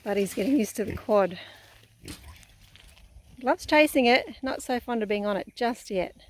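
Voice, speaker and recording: A woman's voice: a little high, expressive, normal speed, no echo. A woman with an Australian accent, hosting a farm vlog in casual narration and chat. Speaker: host of an off-grid farm vlog. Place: outdoors on a rural property.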